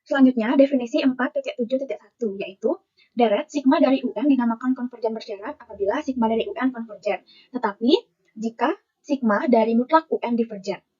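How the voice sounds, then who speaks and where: A woman's voice: a little high, a little fast, darkish tone, slightly rough, muffled recording. A young woman, a university student, reads her math lecture notes aloud and works through the formulas one term at a time.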